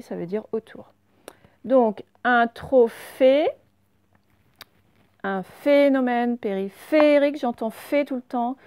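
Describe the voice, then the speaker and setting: Une enseignante qui fait une leçon d'orthographe pour enfants, lente et patiente, qui répète chaque mot deux fois. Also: female voice, fairly high pitch, a little mellow, no echo. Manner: slow, patient, repeats each word twice. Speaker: teacher. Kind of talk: spelling lesson read to children.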